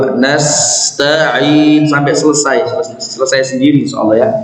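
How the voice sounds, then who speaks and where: A man with an Indonesian accent teaching Quran recitation, patiently correcting sounds and chanting verses slowly for a student to repeat. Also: mid-range voice. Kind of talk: tajwid lesson, modeling slow sung recitation. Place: mosque, echoey hall. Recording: echoey mosque hall, dull sound.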